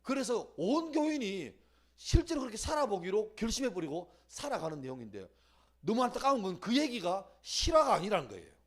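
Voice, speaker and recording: A middle-aged man preaching to teenagers at a church retreat, switching between hushed asides and loud acted-out prayers. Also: high-pitched, brisk. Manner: animated, swings from hushed to shouting, acts out prayers. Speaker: youth pastor. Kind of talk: sermon. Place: church youth winter retreat.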